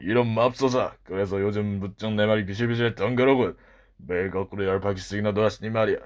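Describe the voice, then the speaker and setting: A man voicing a huge, mean castle master in a children's storybook, speaking slowly, low and mocking. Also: steady tone, lightly acted. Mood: taunting.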